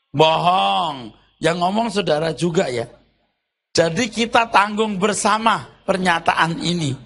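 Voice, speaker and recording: A man's voice: sits high, a bit bright. A man pastor preaching a sermon in a loose, colloquial way, tossing rhetorical questions at the congregation.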